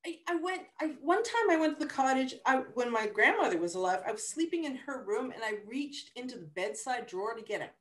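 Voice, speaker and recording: A woman author on a video call, telling stories with dark humor in a lively, restarting way. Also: on the high side, fairly quick, hardly any pauses, reverberant. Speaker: author at a book launch. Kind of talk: casual interview chat. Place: virtual event from home.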